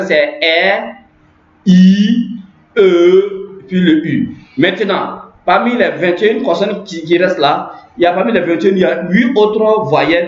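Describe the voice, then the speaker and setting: A man teaching a language lesson, explaining slowly and repeating himself, with many fillers. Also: on the high side. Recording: echoey room, dull lo-fi sound.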